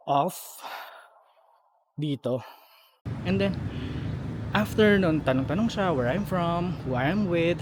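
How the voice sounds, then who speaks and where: A man vlogging while walking outdoors, chatting and telling a story in casual speech, a bit out of breath from the uphill walk. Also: high-pitched. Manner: chatty storytelling, mixing Filipino and English. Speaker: travel vlogger. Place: outdoors on city streets. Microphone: handheld phone or camera. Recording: street noise behind the voice. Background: street traffic noise.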